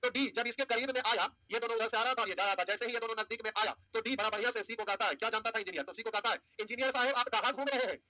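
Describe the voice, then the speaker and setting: A man teaches a maths class. He talks very fast in a high, sharp, tense voice. He keeps repeating his points and calls his students dear ones. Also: fairly even intonation. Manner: storytelling teacher, repetitive, addresses students as "pyare". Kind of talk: classroom lesson with a story.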